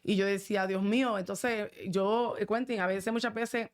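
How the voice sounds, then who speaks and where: A woman's voice: medium pitch, steady tone, moderate pace. A woman pastor, sharing an earnest testimony in a casual conversation, with frequent asides to her listener. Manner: earnest, fervent, many filler asides. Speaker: pastor, guest.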